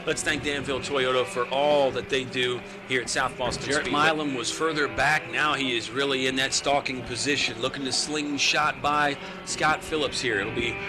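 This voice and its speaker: A man's voice: mid-range voice, fairly even intonation, normal speed, music in the background. An American man calling a live stock car race as play-by-play announcer. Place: outdoor speedway broadcast. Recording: loud outdoor racetrack engine noise. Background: race cars and outdoor ambience.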